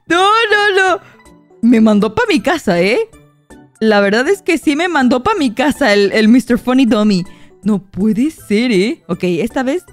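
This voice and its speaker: A young woman narrates her game for viewers in a high, very lively voice that leaps up and down. She is excitable and shrieks when something startles her. Faint music plays behind her. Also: a little slow. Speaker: gaming YouTuber. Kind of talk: Roblox gameplay commentary.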